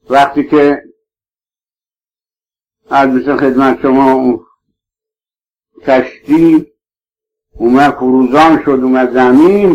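A man's voice: medium pitch, a little mellow, highs cut off. A man preaching a sermon to his listeners, emphatic and pleading, swearing oaths to stress his points.

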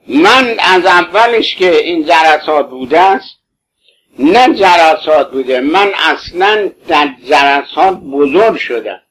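A man's voice: on the high side, rough recording. An older man speaking fervently and pleadingly, telling a religious story about his late wife in a colloquial style. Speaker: bereaved husband recounting his late wife.

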